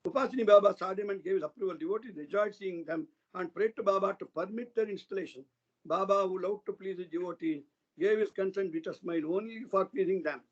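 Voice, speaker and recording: A man's voice: high voice, fast. A man giving a devotional satsang talk, earnestly retelling stories of saints in a loose, flowing way. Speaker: satsang speaker. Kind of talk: devotional storytelling discourse. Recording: dull lo-fi online satsang audio.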